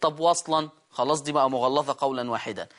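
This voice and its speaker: An Egyptian man leads a recitation lesson. He keeps questioning his students, answering himself and repeating key words. He slows down to sound out each word. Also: medium pitch, fairly bright tone. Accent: Egyptian Arabic. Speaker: Quran recitation teacher. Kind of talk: lesson explaining recitation rules.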